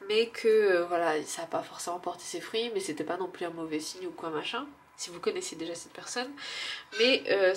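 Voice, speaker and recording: A woman's voice: mid-range voice, a little hiss or hum. Stuffy-nosed woman musing through a card reading. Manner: musing and hesitant, with frequent fillers; laughs softly at herself. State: stuffy nose. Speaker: oracle card reader. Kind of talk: casual spiritual card reading.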